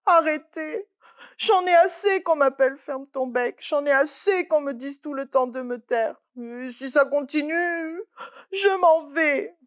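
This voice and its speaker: Brief: chatty little chick for a storybook, played by a woman, higher and lively, always questioning. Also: measured pace. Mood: upset. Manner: inquisitive, then tearful and fed up.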